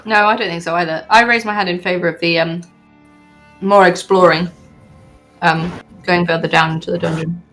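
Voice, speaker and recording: A woman's voice: lowish voice, fairly even intonation, normal speed, long pauses, fairly bright tone, faint music behind, rough recording. Woman player in a tabletop game. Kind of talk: casual game chat.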